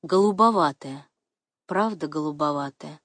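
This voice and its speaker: A woman's voice: on the low side, animated, normal speed, breathy edge, no echo. A woman voicing a thin, frightened young woman who pleads breathlessly, in a dry, close recording. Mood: gloomy.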